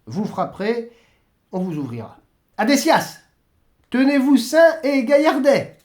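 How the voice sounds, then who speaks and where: A man's voice: very high-pitched, huge pitch swings, unhurried, a little mellow, pitched above the performer's own voice, exaggerated voice. A man reading aloud and voicing a jovial old male saint who keeps heaven's gate, hearty and welcoming.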